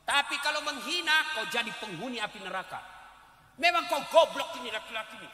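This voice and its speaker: A middle-aged man preaching a lively, joking sermon, acting out wives and husbands in put-on voices. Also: very high-pitched, fairly quick. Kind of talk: sermon at a large public gathering. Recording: echoey hall with long reverb.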